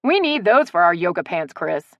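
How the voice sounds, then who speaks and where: A woman's voice: on the low side, big pitch swings, moderate pace, dry recording, dull audio. A woman voicing a cheeky, playful woman joking with friends.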